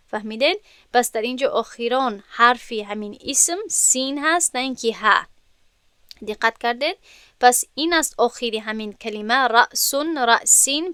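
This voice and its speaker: Clear bright woman teaching grammar. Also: on the high side, dry recording, clean studio sound. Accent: Tajik-influenced Persian. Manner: explains step by step, asks students if they understood. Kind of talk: classroom lesson explanation.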